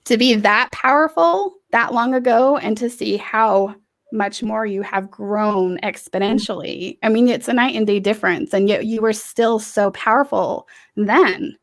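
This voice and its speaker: A woman's voice: fairly high pitch, unhurried. Rambling, effusive woman podcast host. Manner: warm-hearted, rambling, lots of restarts and fillers. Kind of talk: casual interview chat. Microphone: earbud headset on a video call.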